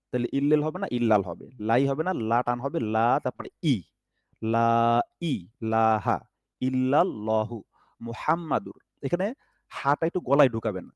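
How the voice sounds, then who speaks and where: A man's voice: medium pitch, darkish tone, no echo, studio quality. A man teaching an online recitation class, patiently stretching out each syllable as he demonstrates and often checking that his students follow.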